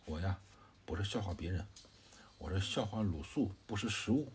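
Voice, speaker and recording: A man voicing a sly adult male strategist who persuades smoothly in a plain, conversational storytelling voice. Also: low voice, expressive, normal speed, slight background noise.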